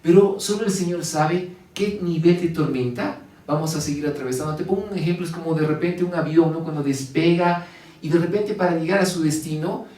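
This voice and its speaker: A man's voice: fairly high pitch, brisk, a little mellow. A man preaching a sermon, reading scripture and asking the congregation rhetorical questions. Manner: reads scripture aloud with emphasis. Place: church. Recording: roomy sound from a distance.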